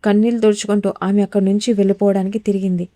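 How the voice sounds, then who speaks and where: Mellow woman storyteller. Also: medium pitch, level tone, rapid-fire, no room sound. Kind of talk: scripted story narration.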